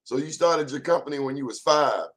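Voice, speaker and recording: A man's voice: a little high, brisk, a bit bright. A man hosting a casual interview, playful and teasing, with slangy talk. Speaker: host.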